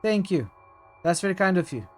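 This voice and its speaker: A man's voice: high voice, sing-song, moderate pace, soft background music, pitched above the performer's own voice. A man voicing a polite, deferential young male cadet who speaks formally, like a butler, and keeps calling others sir. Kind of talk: voicing a character while playing a video game.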